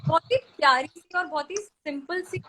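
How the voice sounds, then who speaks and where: High-voiced woman on a choppy, breaking-up call. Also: moderate pace, fairly bright tone. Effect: choppy, breaking-up online call audio. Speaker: guest poetry reciter on an online event. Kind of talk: casual call chat. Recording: voice over a glitchy internet call, drifting from the mic.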